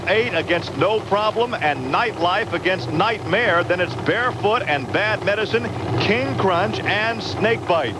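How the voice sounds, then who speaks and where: A man's voice: sits high, lively intonation, measured pace. A man doing play-by-play commentary on a monster truck race in a punchy, dramatic announcing style. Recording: loud engine and outdoor track noise.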